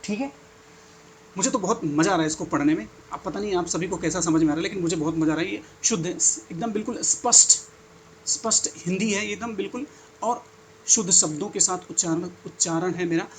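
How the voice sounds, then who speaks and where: A man's voice: high voice, fairly quick, slight background noise. A young adult male teacher giving an exam-prep lesson, reading out word lists with enthusiastic, chatty asides. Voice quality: enthusiastic, chatty asides between listed words.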